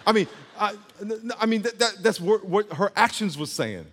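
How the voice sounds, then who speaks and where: In a hall with long reverb, a male preacher delivers an emphatic sermon full of call-and-response, asking the congregation to echo his words. He speaks in a high, animated, fairly bright voice at a moderate pace.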